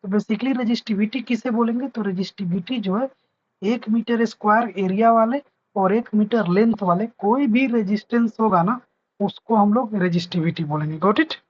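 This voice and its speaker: A man's voice: sits high, moderate pace, muffled recording, a little hiss or hum. A man teaching a physics lesson, patiently repeating points and checking that his students understand. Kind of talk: explaining a lesson.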